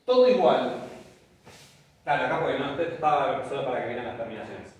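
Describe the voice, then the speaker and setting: A man teaching a Greek class in a lively, explanatory way, often checking with his students. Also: medium pitch, a little fast, recorded from a distance. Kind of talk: classroom lecture. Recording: very echoey room, voice off-mic, faint ambience.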